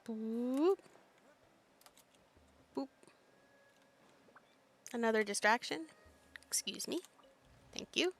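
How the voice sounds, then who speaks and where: A woman casually chats to herself while playing a video game, offering playful commentary sprinkled with cute little interjections. Her slightly high voice is animated but extremely slow, with frequent pauses and a bit of background noise.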